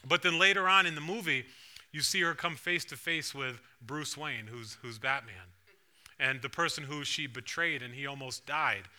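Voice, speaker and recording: A man's voice: mid-range voice, moderate pace, bright, forceful tone. A man pastor preaching a sermon in a church, talking conversationally and putting questions to the congregation. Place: church sanctuary.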